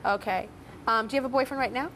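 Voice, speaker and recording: Brief: high-voiced woman in her thirties, talk show host, brassy and teasing, faint hiss behind. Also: fast, a bit bright. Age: 30s. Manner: brassy, laughing, teasing address to the audience. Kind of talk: talk show hosting and interview.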